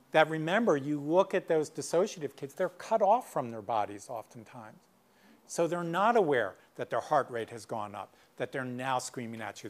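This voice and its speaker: A middle-aged man giving a workshop lecture as a clinician, in a conversational way with many asides and anecdotes. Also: mid-range voice. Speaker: guest speaker, clinician.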